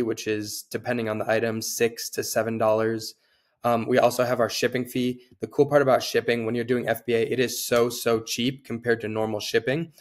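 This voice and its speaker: Slightly hoarse from a cold, a young online seller and tutorial host walks through a screen-share tutorial in a small room, speaking at a middle pitch into a desk webcam mic. He sounds casual and upbeat, with easy fillers.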